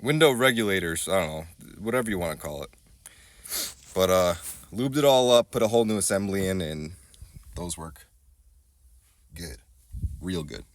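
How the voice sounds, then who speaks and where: A deep-voiced man in his thirties, nose clogged from a cold, walks viewers around his car via phone selfie view, outdoors on a gravel driveway and inside the small car. He is expressive and loose, poking fun at himself at normal speed with long pauses, and faint background noise sits behind him.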